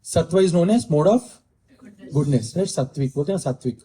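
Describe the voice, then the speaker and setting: A man's voice: fairly high pitch, animated, racing, dark tone, slight background noise, low-quality recording. A man with an Indian English accent giving a scripture lecture, repeating key phrases and slipping into Hindi. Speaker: spiritual teacher giving scripture class.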